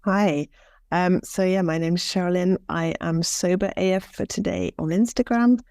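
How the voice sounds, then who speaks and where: A woman's voice: on the low side, fairly even intonation, moderate pace, a little mellow, no room sound, studio quality. A woman from England, a podcast guest introducing herself in a cheerful, slightly hesitant way. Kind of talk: casual self-introduction.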